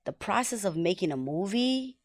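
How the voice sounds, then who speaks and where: A woman's voice: mid-range voice, lively intonation, normal speed, dry recording, clean studio sound. A young woman from Haiti, a film director talking casually as a podcast guest. She tells stories reflectively and fills them with "like" and "you know.". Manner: reflective storytelling, many "like" and "you know" fillers.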